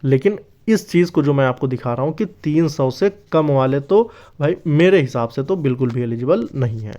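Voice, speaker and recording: Warm and expressive, this man's medium-pitched voice moves at a normal pace. As an online presenter covering exam updates on YouTube, he gives a casual explainer and addresses viewers in a brotherly, familiar tone, regularly checking in with them.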